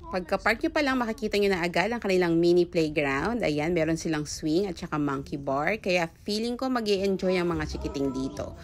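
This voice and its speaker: Female vlogger from the Philippines, cheerful chatty voice-over, slightly low pitch. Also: a little fast. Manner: cheerful, chatty Taglish storytelling. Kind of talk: travel vlog narration.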